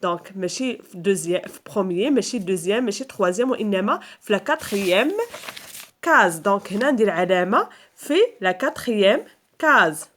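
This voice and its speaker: A woman with a Moroccan accent teaching a school lesson for young children, explaining step by step with patience and stretching out example words slowly and repeating them. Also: medium pitch, expressive, a bit bright.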